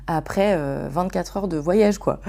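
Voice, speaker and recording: A woman hosting a casual storytelling podcast, slangy, swearing and animated as she talks to her listeners. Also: on the low side, measured pace, vocal fry. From France. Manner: slangy and swearing, addresses listeners as "les gars". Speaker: podcast host.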